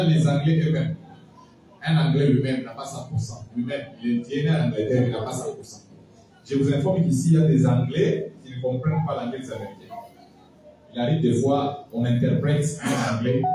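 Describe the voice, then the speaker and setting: Animated man speaking in an echoey hall. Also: medium pitch, distant mic. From Democratic Republic of the Congo. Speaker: English language speaker at a launch event. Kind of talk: informal public talk answering a question. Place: event hall.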